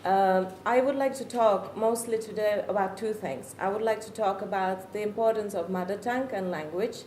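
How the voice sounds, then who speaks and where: A middle-aged Czech woman, a native speaker with a Czech accent, gives an earnest, reflective personal testimony as a parent, searching for her words. Her voice is mid-range and darkish at normal speed, recorded in an echoey room with faint noise.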